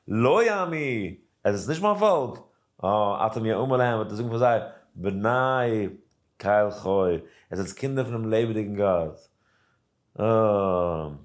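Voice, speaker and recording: A man teaching a daily Torah lesson, telling a story in casual speech, acting out the people in it with lively voices and chanting Hebrew verses in a singsong. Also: mid-range voice. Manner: animated storyteller acting out characters, mixing in English and Hebrew.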